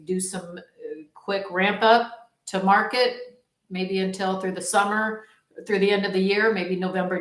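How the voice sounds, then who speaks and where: A woman with a mid-range, fairly bright voice gives a casual, rambling promotional talk as a supportive phone marketing coach. She speaks informally, and the recording sounds roomy and echoing.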